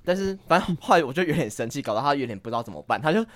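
A man chatting on a podcast, telling a long personal anecdote at a quick clip with a lively, bouncing pitch. He rambles through fillers and restarts. The sound is close and dry. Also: dry recording. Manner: rambling, lots of fillers and self-laughs. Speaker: guest. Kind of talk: casual podcast chat, storytelling.

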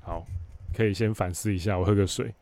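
A man's voice: deep voice, fairly even intonation, fairly quick, a little mellow, dry recording. A man with a Taiwanese Mandarin accent hosting a podcast, telling a work story in a blunt, sarcastic, casual monologue. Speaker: podcast host.

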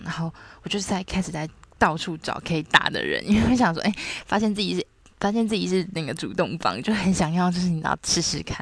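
A woman's voice: low-pitched, creaky, dry recording. A young adult woman, hosting a late-night confessional storytelling show, candid and blunt, swearing freely. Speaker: podcast host.

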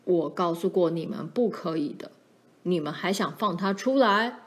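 A woman voicing a protective pioneer father who speaks firmly and gravely to his daughters. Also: fairly low pitch, unhurried, a little mellow, voice pushed down, close to an everyday voice. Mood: stern. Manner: firm and warning, grows grave.

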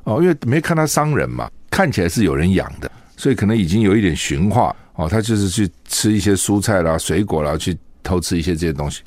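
Animated, fast-talking male commentator. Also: low-pitched, no echo. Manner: opinionated, full of rhetorical questions. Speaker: radio show host. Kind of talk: solo news commentary.

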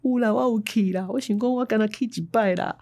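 A woman's voice: fairly high pitch, quick pace, vocal fry, darkish tone, pitched above the performer's own voice. A woman voicing a cowering middle-aged male gambler who whines and pleads in Taiwanese Hokkien. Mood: pleading. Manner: whining, pleading excuses.

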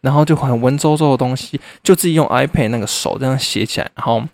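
A young man, hosting a podcast and telling a story in a blunt, animated way, swearing and laughing often. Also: medium pitch, fast talker, dry recording. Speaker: podcast host. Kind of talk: casual storytelling monologue.

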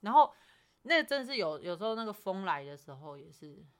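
A woman's voice: medium pitch, sing-song, brisk. A woman with a Taiwanese accent chatting casually as a podcast guest, often chiming in to agree.

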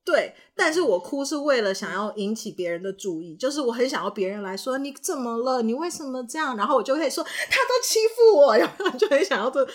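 A young woman co-hosting a casual chat podcast, telling childhood stories with animated acted-out voices and frequent laughter. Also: fairly high pitch, fast talker, few pauses. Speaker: podcast co-host.

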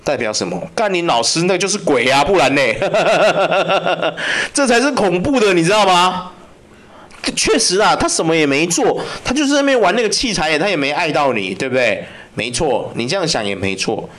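A man's voice: a little high, brisk. A man, hosting a podcast and telling ghost stories in casual, profane chat, often asking whether the listener follows. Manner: animated and profane, keeps asking "you know?". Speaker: podcast host.

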